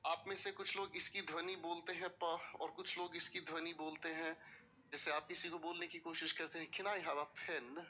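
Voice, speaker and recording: A man's voice: on the high side, little pitch movement, moderate pace, sharp tone, slight background noise. A man teaching English vocabulary in a classroom-style video lecture, explaining patiently and asking students to repeat words. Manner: mixes English terms into Hindi explanation.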